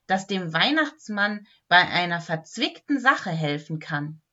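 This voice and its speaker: A helpful little Christmas elf explains things in a friendly way, read out by a woman. His voice is bright and slow, with a slightly dull, lo-fi sound. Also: fairly low pitch, very animated, full character voice.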